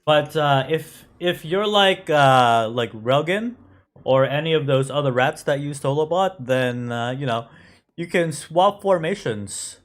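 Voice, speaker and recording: A man's voice: on the high side, unhurried. Man, grew up in the US, casual game streamer, filler-heavy chat, faint music behind. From United States. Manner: chatty, loose, full of fillers and "right?" tags. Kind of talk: casual live-stream commentary answering chat.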